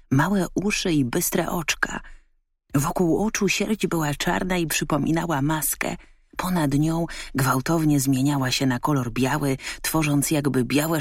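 A woman's voice: sits low, breathy edge, no room sound. Woman narrating a children's story. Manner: expressive, lively storytelling. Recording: dry close studio sound.

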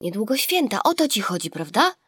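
Sleepy offhand mum in a kids' story, woman reading, lively up and down, dry sound. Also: fairly high pitch, a little fast, slightly rough, no echo, pitched above the performer's own voice, exaggerated voice. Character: sleepy, matter-of-fact mother.

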